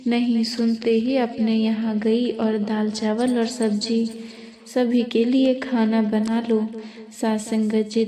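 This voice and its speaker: A woman's voice: a little high, mellow. A woman narrating a devotional story, who keeps addressing her congregation of listeners. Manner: addresses listeners repeatedly as "saath sangat ji". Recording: echoey room with crowd noise.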